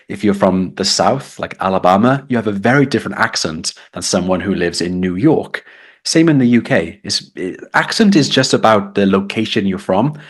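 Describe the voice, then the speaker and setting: A man with a British accent giving a live online English test lesson, explaining and reading out chat comments. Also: on the low side.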